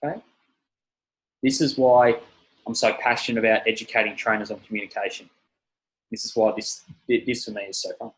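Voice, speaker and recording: A man who trains personal trainers, giving an energetic seminar talk and repeating his key phrases. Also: on the low side, fairly quick, long pauses, low-quality recording.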